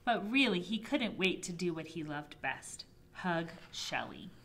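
A woman librarian reading a picture book aloud to toddlers, gently and expressively. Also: on the low side, measured pace, slight background noise. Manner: gentle, expressive storybook reading with soft voices for characters. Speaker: children's librarian. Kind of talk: toddler storytime read-aloud.

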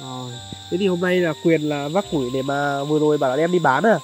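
A man's voice: on the high side, quick pace, low-quality recording. Man, charity vlogger, outdoors, polite, lots of fillers, faint music behind. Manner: polite, addresses viewers often, many fillers. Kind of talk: vlog narration and chat on location. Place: outdoors in a highland village.

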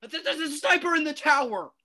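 A woman's voice: sits high, lively intonation, brisk. A woman reading the part of a frantic, panicked twenty-one-year-old man in a play reading. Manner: frantic shouting, pleading.

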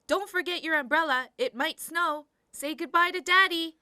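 Lady doing a high, bright mom voice for a textbook dialogue, real dry sound. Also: very slow, dry recording, heavily acted. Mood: coaxing. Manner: bright, bouncy, lively reading. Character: mother urging her son to dress warm. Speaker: native speaker reading a dialogue.

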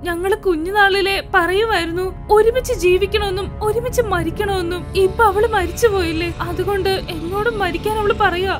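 A woman's voice: very high-pitched, fairly even intonation, fairly quick, few pauses. Woman voicing a scared young wife. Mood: anxious. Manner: fearful, pleading. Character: frightened young wife haunted by her friend's ghost. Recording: music behind voice.

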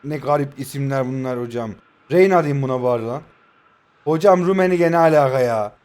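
A man in his twenties from Turkey giving excitable live commentary over his own mobile football match, shouting player names and swearing playfully at the game. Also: medium pitch, brisk. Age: 20s. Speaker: mobile football gaming YouTuber.

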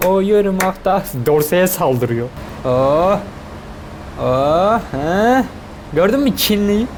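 An excitable man with a fairly high voice gives running commentary while he plays, piling up quick repeated words as things happen on screen. Faint game noise hums behind him. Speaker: gaming streamer.

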